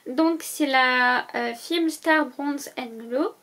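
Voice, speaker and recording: High-voiced chatty woman vlogger. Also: very slow, pushed and bright. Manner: chatty, lists items one by one with many "euh" fillers. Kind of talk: casual packing-list vlog.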